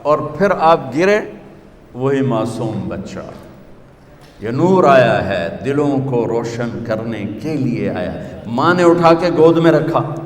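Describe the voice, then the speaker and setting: A man's voice: mid-range voice, expressive. A male preacher delivers a sermon with rhythmic, emphatic lists that rise in repetition. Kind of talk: Urdu sermon. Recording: echoey hall with long reverb.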